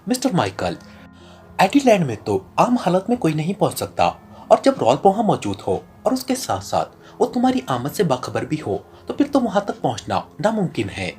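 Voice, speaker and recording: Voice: medium pitch, wildly swooping pitch, normal speed, a little mellow, soft background music. A narrator voicing a male criminal boss who gives long, earnest explanations in an audiobook. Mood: explaining. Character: ruthless male criminal boss turned informant. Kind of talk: audiobook character reading.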